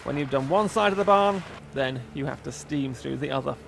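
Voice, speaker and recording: A man's voice: mid-range voice, fairly quick, creaky, a little hiss or hum. A man narrating a nature-reserve documentary in a light, wry voice-over.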